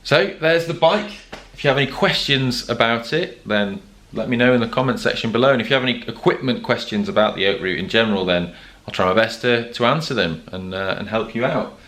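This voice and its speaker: A man's voice: medium pitch, a little fast, a bit bright. A young man hosting a casual vlog, chatty and joking with plenty of fillers. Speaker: vlog host. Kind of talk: casual vlog chat to camera.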